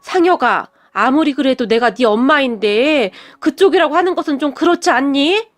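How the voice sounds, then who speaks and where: A woman voicing a pleading, destitute middle-aged birth mother who speaks slowly and begs. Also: sits high, close to an everyday voice. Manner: pleading, slow and drawn out.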